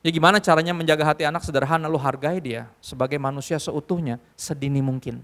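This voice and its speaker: A male youth pastor preaching to a live audience in a church hall, lively and joking, often switching into English. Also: a little high, fast. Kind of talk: sermon.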